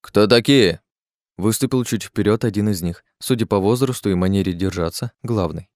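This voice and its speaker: A man with a low, grounded voice narrating a fantasy story in a measured, even way. The recording is close and dry, with no room sound. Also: no room sound. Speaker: audiobook narrator.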